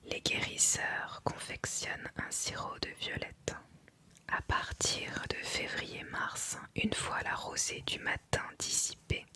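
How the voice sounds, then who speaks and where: Very slow, bright whispered ASMR reading. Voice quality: breathy, unvoiced whisper. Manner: slow, careful reading with deliberate pauses. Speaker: ASMR reader.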